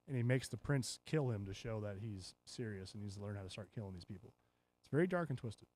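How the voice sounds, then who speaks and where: A man's voice: on the low side, fast talker. A man hosting a podcast, recapping a show in casual chat and acting out the characters' lines as he tells it. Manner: animated storytelling, acts out characters' lines. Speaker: podcast host.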